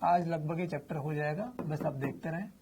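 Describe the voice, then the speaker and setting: A man's voice: a little high, steady tone, brisk, a little mellow, slight background noise. A man teaching physics in a chatty, informal lecture, asking questions and answering them himself. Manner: addresses students familiarly, slips in slang.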